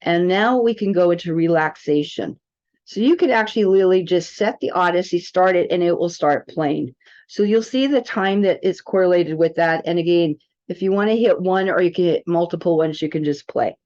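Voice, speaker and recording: In this relaxed tutorial, a female presenter demonstrates a wellness app, talking informally and wandering off-topic a little. She speaks at a moderate pace in a low, slightly mellow voice, and the recording sounds dull and lo-fi.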